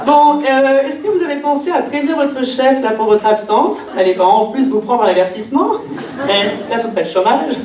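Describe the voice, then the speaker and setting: A woman doing a one-woman comedy monologue in character as an HR employee, chatty and breezy with mock-innocent sarcasm, her voice jumping high when she addresses people. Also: lively intonation, moderate pace, recorded from a distance. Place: theatre stage before a live audience. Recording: echoey room from afar, audience noise.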